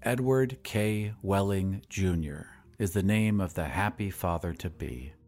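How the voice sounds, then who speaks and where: A man's voice: sits low, slow, soft background music. A man voicing a sullen, sardonic expectant father in an audiobook story. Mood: weary irony. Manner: flat, sardonic.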